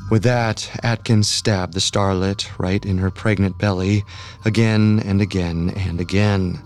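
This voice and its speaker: Male true crime narrator, low voice. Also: fairly even intonation, a little mellow, soft background music. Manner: measured, dramatic. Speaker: podcast narrator.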